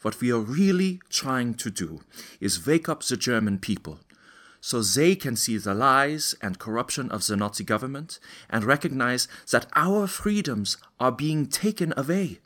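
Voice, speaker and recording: A man's voice: medium pitch, very animated, normal speed, fairly bright tone. An actor playing an earnest young male student who leads a resistance group, explaining things step by step in a dramatized historical interview. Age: 20s. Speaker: interview guest.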